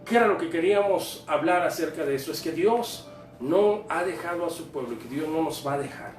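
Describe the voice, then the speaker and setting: A man's voice: a little high, lively intonation, fairly quick. A man preaching a sermon in an earnest, repetitive cadence. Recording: roomy, distant, faint music behind.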